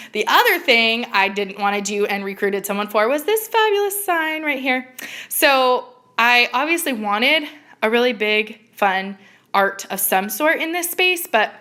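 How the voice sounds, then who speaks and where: A woman's voice: medium pitch, moderate pace. A woman chatting casually and informally as she gushes through a live home makeover reveal tour. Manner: gushing, excited makeover reveal. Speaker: home decor blogger giving a live video tour. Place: indoors in a home dining room.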